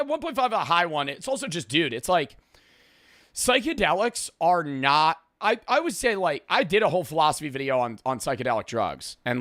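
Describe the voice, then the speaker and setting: Bright, dry-voiced male streamer rambling. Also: medium pitch, no room sound. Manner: rambling, profane storytelling. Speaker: streamer reacting to a video. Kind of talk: casual reaction commentary.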